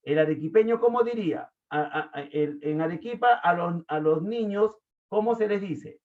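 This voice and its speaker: Limeño teacher on a tinny line. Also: male voice, high voice, moderate pace. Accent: Lima Peruvian Spanish. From Peru. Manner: chatty, asks the class questions, many fillers. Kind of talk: online class lecture. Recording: tinny phone-like audio.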